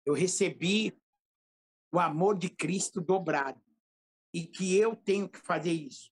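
Here the same kind of speaker appears: a middle-aged pastor from São Paulo, his Portuguese accent clear, recounting a story emotionally and with slang on a laid-back podcast. The male voice is high and husky, and his pace runs a little slow.

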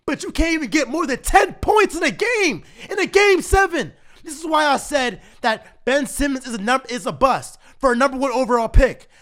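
Speaking to camera, a sports fan rants heatedly at his team, repeating himself in exasperation. His very high-pitched, animated voice is a bit bright and strained from cheering, and he talks at normal speed with few pauses.

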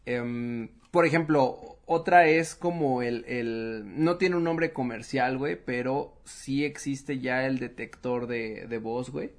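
A man's voice: medium pitch, slow, few pauses. A man with a Mexican accent chatting casually, joking around and using heavy slang. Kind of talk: casual chat.

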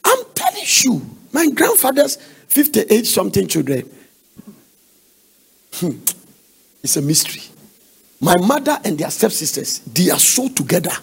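A man's voice: sits high, big pitch swings, a little slow, gravelly, pauses often, breathy edge. A man preaching an earnest sermon, exhorting and telling family stories. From Nigeria.

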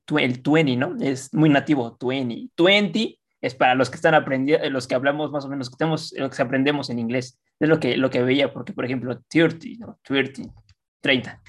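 A woman's voice: a bass voice, steady tone, fast talker, hardly any pauses. A woman with a Mexican Spanish accent, interviewing casually and playfully, laughing often.

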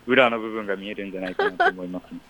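A man's voice: on the low side, very fast, pushed and bright. A man calling in to a radio show as a racing cyclist guest, heard over a phone line, answering in a laid-back, matter-of-fact way with many hedging fillers. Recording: dull, muffled phone line.

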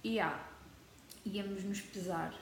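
Teen girl vlogger, European Portuguese accent, chatty and dramatic, mid-pitched voice, roomy echoey sound. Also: fairly even intonation, unhurried, slight background noise. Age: teens. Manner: chatty, dramatic, mixes in English words. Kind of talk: casual chat to camera. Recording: echoey room with faint ambience.

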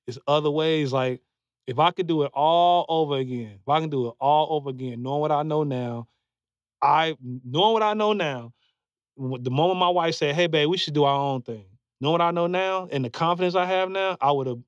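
A man's voice: on the high side, fairly quick, no room sound. A man in his forties in casual podcast chat, talking loosely with many fillers and restarts while giving earnest advice. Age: 40s. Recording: dull, slightly muffled dry recording.

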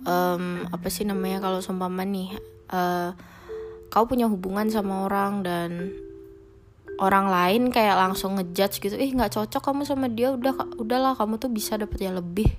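A woman's voice: mid-range voice, steady tone, moderate pace, over music. Chatty young woman podcasting solo. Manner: chatty, mixes English phrases, frank and slangy. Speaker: podcast host. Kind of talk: casual solo podcast talk.

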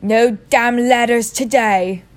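A woman voicing a short-tempered middle-aged uncle in a read-aloud storybook, speaking loudly and slowly. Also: a little high, fairly even intonation. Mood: gloating.

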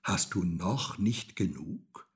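Man as the gentle old moon. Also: deep voice, animated, slightly rough, heavily acted. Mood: patient. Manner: slow, gentle questioning.

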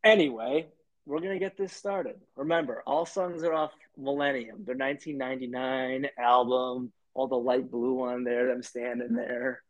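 A man's voice: mid-range voice, steady tone, moderate pace. A man co-hosting a casual podcast, joking around and singing bits of songs for a music quiz. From lives somewhere hot. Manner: joking, sings song snippets for a quiz. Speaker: podcast co-host. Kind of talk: casual chat.

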